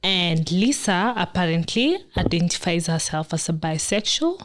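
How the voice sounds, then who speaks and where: A young woman co-hosting a podcast in casual chat, animated and quick to agree. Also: on the low side. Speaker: podcast co-host.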